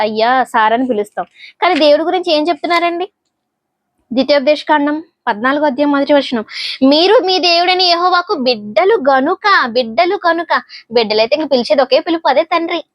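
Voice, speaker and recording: High-voiced woman preaching a sermon. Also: fast, dry recording. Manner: conversational, asks the listeners questions.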